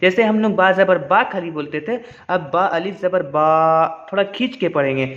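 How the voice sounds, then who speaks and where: A man teaching Quran reading, explaining patiently step by step and drawing out syllables slowly when he demonstrates. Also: sits high, a bit bright, highs cut off.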